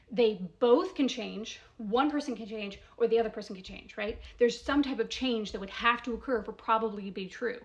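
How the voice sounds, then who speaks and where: A woman with a slightly high voice works as a commentator, casually breaking down a voicemail. She reasons through it step by step, stressing her points, throwing out probing rhetorical questions, and frequently asking "right?"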